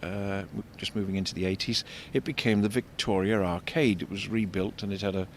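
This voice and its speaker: An older man giving unscripted commentary as an architect and local guide, discursive and explanatory, halting and repeating words. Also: steady tone. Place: outdoors in a shopping street. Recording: vehicle rumble, street noise. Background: faint street traffic rumble.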